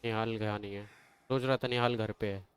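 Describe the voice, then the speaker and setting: Excited Hindi-speaking gamer man. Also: on the low side, a little fast, smooth. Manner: excitable, chatty. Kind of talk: casual let's-play commentary. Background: faint game music.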